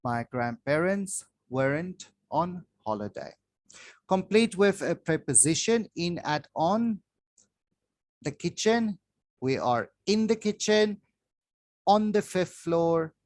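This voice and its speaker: A man teaching English to children, reading a grammar worksheet aloud slowly with long pauses, recorded on a phone over a desk. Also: a little high, no room sound. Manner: slow, drawn-out reading with pauses. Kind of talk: slow worksheet walkthrough for children. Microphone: phone filming a worksheet from above.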